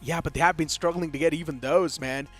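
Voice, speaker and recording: An energetic Indian man breaking down standings on a mobile esports broadcast and speaking straight to the viewers. His voice runs a touch high. Faint music sits underneath. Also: a little fast. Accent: Indian English. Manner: energetic, addresses viewers directly. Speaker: esports caster. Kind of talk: esports analyst desk commentary.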